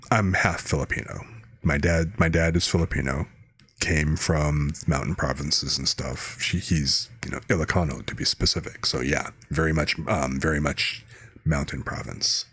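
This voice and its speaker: A man's voice: very deep voice, unhurried, a bit bright, breathy edge, no room sound. A man from the United States, a streamer, chatting casually and telling rambling anecdotes. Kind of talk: casual chat.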